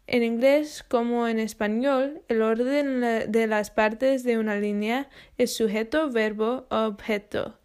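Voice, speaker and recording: Slow-speaking woman teaching English. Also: fairly high pitch, darkish tone, smooth. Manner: slow, careful spelling-out of sounds. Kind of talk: scripted lesson narration.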